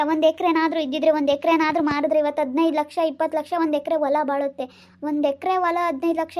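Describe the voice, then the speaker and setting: A woman's voice: high-pitched, natural voice. A woman, acting a worried village wife who consoles a relative with resigned rhetorical questions. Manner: soothing yet resigned, repeats rhetorical questions. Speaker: actor in a village family drama. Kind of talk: amateur family drama acting.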